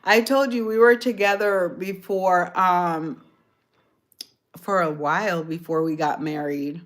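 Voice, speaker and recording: Slow-talking woman chatting live. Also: on the low side, steady tone. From Jamaica. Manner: chatty, rambling, repeats herself. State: tired from a late night. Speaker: livestream host. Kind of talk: casual chat with viewers.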